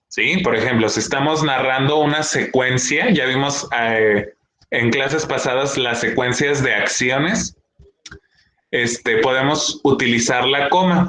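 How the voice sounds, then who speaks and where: A man's voice: mid-range voice, fairly bright tone, echoey room, low-quality recording. A young adult male teacher gives a patient classroom lesson and checks in with his students often. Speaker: schoolteacher.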